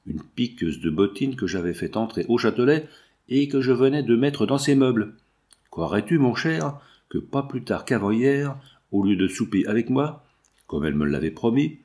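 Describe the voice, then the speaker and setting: A man's voice: mid-range voice, animated, normal speed, darkish tone, lightly acted. A man reading aloud in the part of a jilted young man who grumbles and sulks. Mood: vexed. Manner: grumbling, vexed. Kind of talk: audiobook reading.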